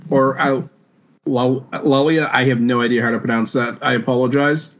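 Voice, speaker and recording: A man's voice: mid-range voice, steady tone, moderate pace, a bit bright. A man with a mid-range voice co-hosts a casual sports podcast. He reels off stats and records, padding them with ums and uhs. The audio sounds somewhat dull and lo-fi. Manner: reels off stats with many fillers. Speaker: podcast co-host.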